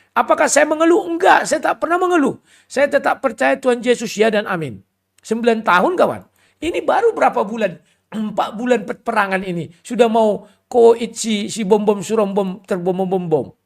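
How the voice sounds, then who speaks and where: Gravelly, lively-voiced podcast host. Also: male voice, very high-pitched. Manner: blunt, scornful, addresses listeners as friends. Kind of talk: commentary on a played clip.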